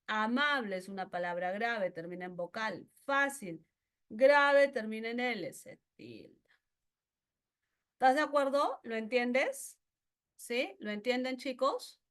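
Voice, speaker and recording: A woman language teacher with a higher-pitched voice gives a slow pre-university grammar lesson. She repeats things and checks understanding often by asking questions.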